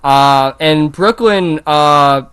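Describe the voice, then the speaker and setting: A man's voice: on the high side, extremely slow, fairly bright tone, smooth. A man co-hosting a podcast in casual chat, rambling with fillers and restarts, with a slight lisp. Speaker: podcast co-host.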